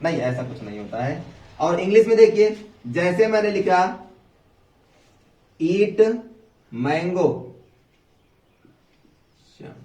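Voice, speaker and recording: A man's voice: high voice, darkish tone. A male teacher with an Indian accent teaching grammar to students, asking questions and having them repeat after him. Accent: Indian English. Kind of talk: classroom grammar lesson. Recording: echoey room, far from mic.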